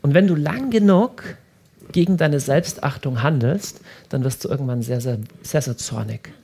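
A man giving a lively talk to a live audience, animated and often repeating himself as he restarts sentences. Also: fairly high pitch, normal speed, creaky, a little hiss or hum. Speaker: speaker at a prayer house.

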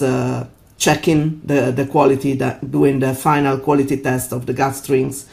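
A woman's voice: a bass voice, creaky, mellow. An Italian woman, native Italian speaker, answering interview questions over a video call from her home in the mountains, with a strong Italian accent, searching for words in English. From Italy. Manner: searching for words in a second language. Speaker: guest, violin maker.

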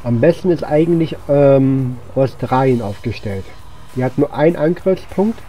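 Game music and sound effects play behind a man hosting a gaming channel. He thinks aloud while playing and keeps up loose, rambling commentary. His mellow, medium-pitched voice is animated and moves at a moderate pace.

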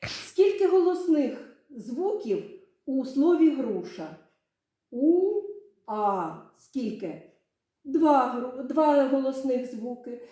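A woman's voice: on the high side, mellow. A woman teaching young children a literacy lesson, patiently stretching out words to show their syllables. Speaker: primary school teacher. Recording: very echoey room.

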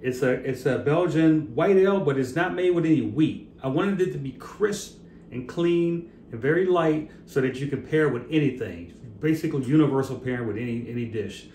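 A man's voice: a little high, normal speed, a little mellow, reverberant, slight background noise. A middle-aged man hosting his own cooking and brewing vlog, talking in an easygoing, chatty way with fillers and restarts, holding the camera at arm's length. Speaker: host of a cooking and brewing channel. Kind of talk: casual vlog talk. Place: outdoors on the street, then a home kitchen. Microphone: camera held at arm's length.

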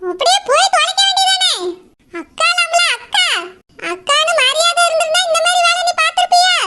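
A woman playing a furious middle-aged village mother, scolding with a Kanyakumari accent. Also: extremely high pitch. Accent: Kanyakumari Tamil. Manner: shouting, accusing, scornful. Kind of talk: village web series acting.

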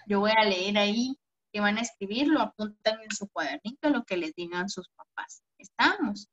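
A woman primary school teacher giving an online class to children, gentle and affectionate, often ending phrases with a questioning "¿verdad?". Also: medium pitch, expressive, normal speed. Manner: affectionate, calls pupils "mi amor". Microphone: video call. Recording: dull lo-fi video call audio.

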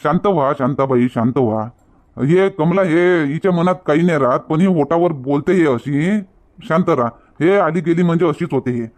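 An actor with a Varhadi Marathi accent playing a calm village headman who placates two quarrelling women. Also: on the high side, normal speed, natural voice. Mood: placating. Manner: soothing, placating. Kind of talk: village comedy skit.

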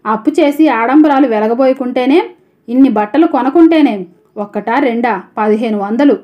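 A woman voicing an irritated male shopkeeper who complains fast about an unpaid debt. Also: a little high, natural voice. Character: irritated shopkeeper man demanding his debt. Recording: dull lo-fi audio.

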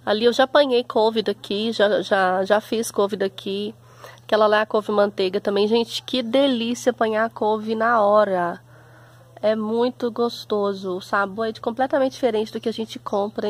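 Chatty Brazilian woman showing her garden. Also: fairly high pitch. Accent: Brazilian Portuguese. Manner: chatty, homely, often calls out to her viewers. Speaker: home and garden vlogger. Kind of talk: casual chat to viewers. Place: home backyard garden, outdoors.

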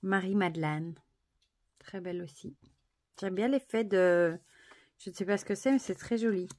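A woman presenting an oracle card deck, softly admiring each card and then reading the booklet text aloud. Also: medium pitch, moderate pace.

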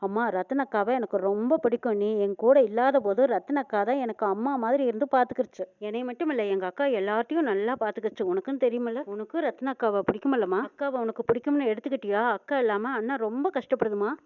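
A young woman pleads through tears with her late mother's spirit, as a woman narrator reads her part. Her speech is quick and high. The sound is narrow and phone-like. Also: dry recording, close to an everyday voice. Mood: pleading. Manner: tearful pleading.

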